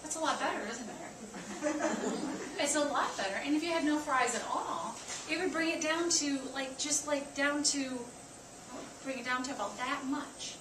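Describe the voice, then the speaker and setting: A woman dietitian giving a lively nutrition talk to staff, counting aloud and quizzing her listeners. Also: high-pitched, moderate pace. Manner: chatty, counts aloud and asks the audience questions. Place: staff meeting room. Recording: echoey room, from far off, noisy.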